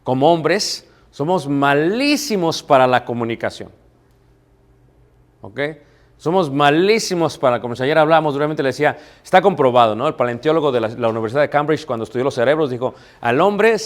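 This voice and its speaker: Delivering a marriage sermon in a Mexican Spanish accent, a middle-aged preacher talks briskly and animatedly at medium pitch. Emphasis, repeated key phrases and rhetorical questions drive his message.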